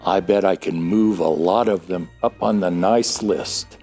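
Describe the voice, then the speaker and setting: A man's voice: sits low, unhurried, darkish tone, soft background music. A man playing a jolly, cozy old Santa Claus fond of puns in an audio drama, with a folksy, chuckling delivery. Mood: cozy, enthusiastic.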